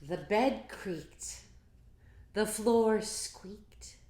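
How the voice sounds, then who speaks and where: A woman with a mellow, medium-pitched voice reads a picture book to children in an echoey room. She draws her phrases out in an encouraging sing-song and chats with her young listeners along the way.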